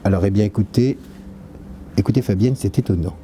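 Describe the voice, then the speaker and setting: A comedian voicing a man lying under a bath rug who gushes in flowery, hushed words. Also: deep voice, a little fast, background noise, voice pushed down, natural voice. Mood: dreamy. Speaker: stage comedian.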